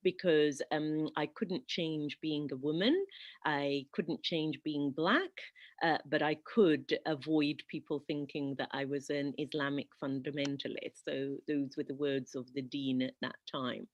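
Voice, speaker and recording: A woman in her fifties, raised in Sudan, speaking on a video call panel as a conflict resolution specialist, measured and halting with many fillers. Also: low-pitched, fairly even intonation, no echo, lo-fi sound. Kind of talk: online panel presentation.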